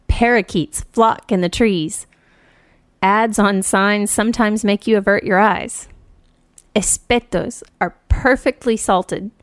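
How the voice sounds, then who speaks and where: A woman's voice: medium pitch, smooth, no echo. Dry-voiced woman reading a wry story. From United States. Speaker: writer reading her story. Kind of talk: reading a personal essay.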